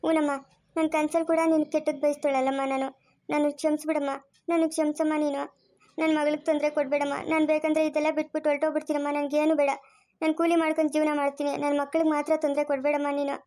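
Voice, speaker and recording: A woman's voice: high voice, level tone, very fast, mellow, close to an everyday voice. A woman playing a tearful mother who begs, crying, for her children to be spared. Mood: tearful pleading. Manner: begging, emotional. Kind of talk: family drama acting.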